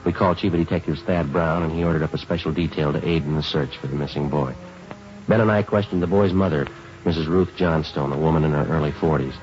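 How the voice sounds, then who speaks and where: Sergeant Friday, very deep, brisk cop. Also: male voice, soft background music. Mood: flat, factual. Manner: deadpan, clipped, matter-of-fact, courteous. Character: clipped, dutiful, unemotional male police sergeant narrator. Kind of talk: 1950s radio police drama narration and dialogue. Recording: dull, band-limited vintage radio recording.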